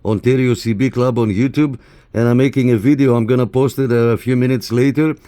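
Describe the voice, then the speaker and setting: This CB radio operator and YouTube host talks in a mid-range, mellow voice with a steady tone and a fairly quick pace. Indoors at his radio set, he makes casual contacts and chats to viewers informally, repeating call phrases. The studio-quality, dry recording has clear background noise and radio clicks.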